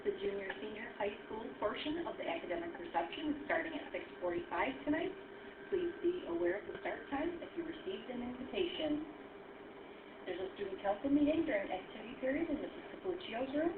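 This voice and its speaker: A woman's voice: fairly high pitch, very animated, fast, noisy background. Woman announcing over a school intercom. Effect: over a school intercom loudspeaker. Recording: distant, tinny loudspeaker in an echoey classroom.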